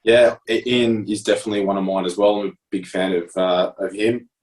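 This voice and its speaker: An Australian man in his thirties co-hosts a coaching podcast, chatting casually and with enthusiasm while explaining things and dropping fillers like "like" and "obviously." His voice is lowish and a little mellow, with a flat delivery at a slightly fast pace, and he sounds recorded from a distance.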